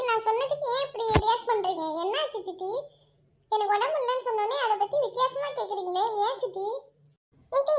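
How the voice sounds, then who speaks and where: A woman acting out a newly married daughter, tired and unwell and speaking wearily. Her voice sits very high and her speech moves fast. It is a homemade family drama. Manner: weary, soft-spoken. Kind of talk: home family drama, one narrator voicing all roles.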